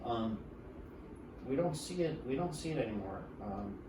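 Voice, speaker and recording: A man's voice: medium pitch, expressive, normal speed. A man co-hosting a podcast in casual chat, explaining game cards at length and laughing often. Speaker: podcast co-host. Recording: roomy, distant mic with background noise.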